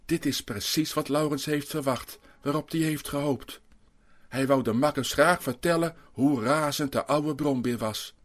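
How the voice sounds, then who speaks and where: Expressive man reading a children's story. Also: on the high side. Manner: expressive, suspenseful reading with dramatic pauses. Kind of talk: scripted narration of a children's story.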